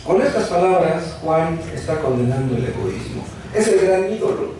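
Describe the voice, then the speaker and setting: A man's voice: on the high side, very animated, moderate pace, warm tone, slight background noise. A man preaching a sermon as pastor, asking the congregation rhetorical questions and acting out quoted speech. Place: church hall. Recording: roomy church sound from a distant mic.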